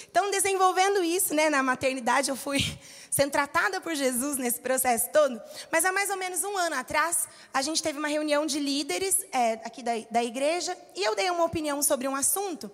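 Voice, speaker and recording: This high-voiced church speaker, a woman in her thirties with a Brazilian Portuguese accent, talks at a brisk clip through a conversational sermon. She shares personal stories and performs the quoted lines of the people involved, all captured with long hall reverb in the church.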